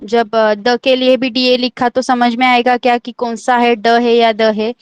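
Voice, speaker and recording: A woman's voice: fairly high pitch, level tone, measured pace, smooth, no room sound, highs cut off. A woman teaching an online language class, patiently repeating each letter and checking that everyone understands.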